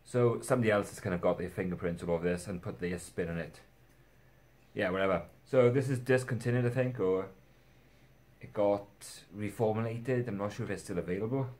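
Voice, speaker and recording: A man's voice: lowish voice, fairly quick, a little mellow. A young man chatting casually in a home vlog, rambling and self-deprecating, swearing now and then. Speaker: fragrance reviewer.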